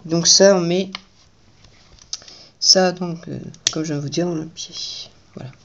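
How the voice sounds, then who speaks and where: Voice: mid-range voice, steady tone, a little slow, highs cut off, background noise. A toy reviewer giving casual commentary while building a set at home at night, chatty and repeating the same praise.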